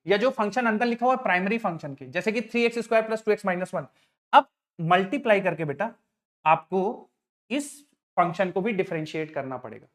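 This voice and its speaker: High-pitched and a little bright, this middle-aged man is teaching a maths class with patience. He refers to the students as children and regularly asks questions to confirm they are keeping up with the terms.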